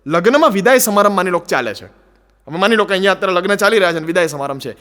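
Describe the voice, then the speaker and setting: Fast-talking high-voiced Gujarati comedian. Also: male voice, in a large hall. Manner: animated, acts out voices of people in his jokes. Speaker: stand-up comedian. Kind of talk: Gujarati stand-up storytelling.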